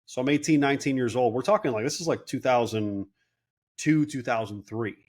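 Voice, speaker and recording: Animated man in his thirties telling stories. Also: mid-range voice, a little fast. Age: 30s. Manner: animated storyteller, quotes people in voices. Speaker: guest, clinic owner. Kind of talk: casual interview talk.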